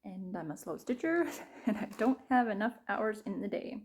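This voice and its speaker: A woman's voice: mid-range voice, lively intonation, moderate pace, darkish tone, slight background noise. A woman showing her stitching projects in a casual chat, rambling and correcting herself, laughing at herself and sometimes dropping to a whisper. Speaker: cross-stitch vlogger. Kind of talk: casual show-and-tell.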